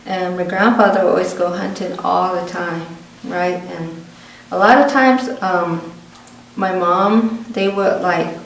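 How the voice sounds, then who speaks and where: Brief: Pueblo woman storyteller, gravelly low voice, recorded from a distance in a roomy space. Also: a little slow. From Pueblo community, New Mexico. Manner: lively storyteller who acts out family dialogue. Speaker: oral history interviewee. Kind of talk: storytelling in an interview. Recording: roomy, distant, faint background noise.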